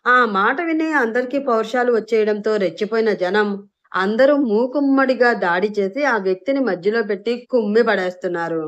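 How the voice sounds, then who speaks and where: A woman storyteller reading a serialized story in a steady, expressive narration. Her voice is somewhat high, and the recording has a dull, lo-fi quality. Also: moderate pace.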